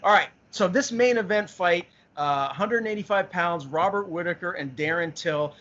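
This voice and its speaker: A man's voice: high voice, moderate pace, sharp tone. A man co-hosting a sports podcast, talking casually and with enthusiasm, often repeating words as he thinks. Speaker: podcast co-host. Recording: muffled lo-fi audio.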